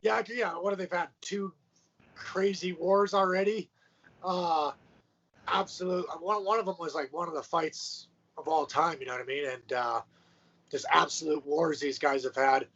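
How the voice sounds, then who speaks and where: Relaxed male co-host, casual talk, fairly high voice, dull lo-fi audio. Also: moderate pace. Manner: laid-back, frequent fillers. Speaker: podcast co-host. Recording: muffled lo-fi audio.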